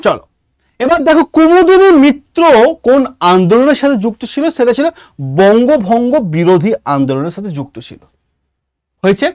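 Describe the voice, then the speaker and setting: With an Indian Bengali accent, an exam-prep history teacher delivers an online lesson emphatically, frequently pausing to ask short comprehension questions. The voice is medium in pitch with big pitch swings, brisk, and darkish in tone, captured at studio quality without room sound.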